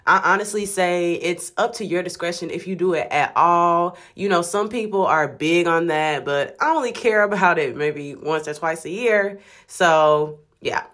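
A woman's voice: fairly low pitch, fairly bright tone, recorded from a distance. A young woman vlogger, chatting in a laid-back way about her hair care routine at home. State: congested. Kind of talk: casual hair-care vlog chat. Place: home bathroom. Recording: echoey bathroom.

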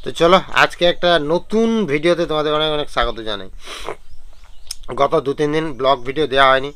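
A young man vlogging casually at home, sick with a cold and a sore throat, chatting with fillers and clearing his throat. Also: on the high side, fast, fairly bright tone. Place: at home and outdoors in the yard. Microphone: handheld camera on a stand.

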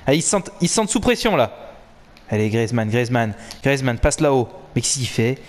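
A young man giving excited, swearing live commentary while playing a football video game. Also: mid-range voice, brisk. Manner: animated, swearing, cheering and groaning at the match. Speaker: gaming commentator.

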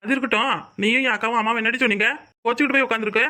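A brisk young husband who chides and teases, as a woman voices him in a cartoon. His speech is fast and bright, and it sits a bit high. He has a Kanyakumari Tamil accent. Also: fairly even intonation. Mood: chiding. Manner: quick, chiding, teasing. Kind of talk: cartoon voice acting.

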